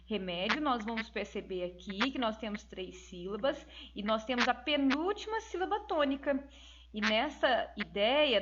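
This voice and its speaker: A woman's voice: a little high, a bit bright, highs cut off. A Brazilian Portuguese-speaking woman teacher walking through exercise answers in a recorded lesson, explaining step by step and checking in with tag questions.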